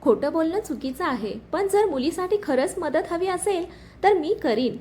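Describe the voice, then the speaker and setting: A woman reading the lines of a calm, steady young husband in a spoken story. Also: very high-pitched, normal speed, slight background noise. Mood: calm, firm. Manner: steady, reassuring.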